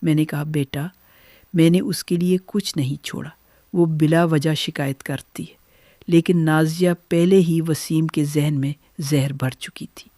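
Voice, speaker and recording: An older woman telling her own family story in the first person, in a measured, gentle way. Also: deep voice, steady tone, no echo.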